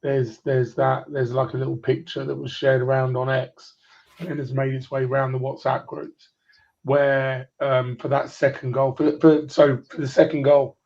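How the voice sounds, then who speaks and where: A man's voice: mid-range voice, little pitch movement, normal speed, gravelly, a little mellow. A man in his forties on a clipped phone line, chatting about football in a rambling way and restarting his points over and over. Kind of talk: casual football chat.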